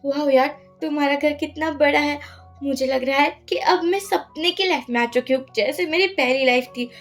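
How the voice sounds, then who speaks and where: A woman's voice: sits high, normal speed, soft background music, close to an everyday voice. A woman voicing a bold, feisty young woman who talks in a cheeky, boastful way. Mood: sweetly coy.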